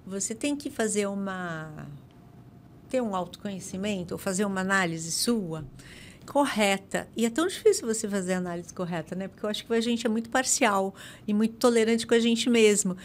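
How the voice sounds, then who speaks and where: A woman joins a podcast conversation, thinking aloud in a reflective way. Her voice is mid-pitched, and she often restarts her sentences. A faint rumble sits beneath her voice. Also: a little fast.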